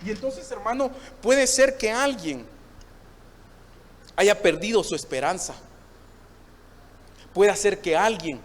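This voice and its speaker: A man who is a pastor, preaching a sermon and repeatedly calling out to his listeners as brother, recorded in a church. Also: high voice. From Honduras. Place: church hall. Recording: long church reverb.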